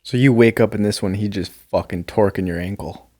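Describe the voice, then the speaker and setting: A man's voice: lowish voice, a little fast, warm tone. A man talking as a guest in a casual podcast, joking and teasing.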